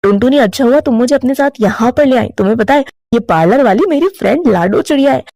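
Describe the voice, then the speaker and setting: A woman putting on a boastful young male crow from a cartoon, talking in a gravelly, fairly high voice. The sound is dry and close, with no room around it. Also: animated, quick pace, warm tone, no room sound.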